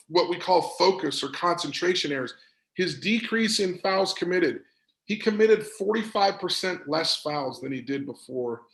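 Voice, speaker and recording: Gravelly-voiced man giving a motivational talk. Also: fairly high pitch, echoey room, low-quality recording. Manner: energetic, emphatic, repeats words for stress. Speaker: performance coach and speaker. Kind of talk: motivational presentation.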